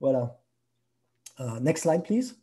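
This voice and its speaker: Hesitant, very dark-voiced man presenting slides. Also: medium pitch, big pitch swings, slow pace. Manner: hesitant, searching for words, mixing English terms into French. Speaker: guest speaker presenting slides. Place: remote video conference.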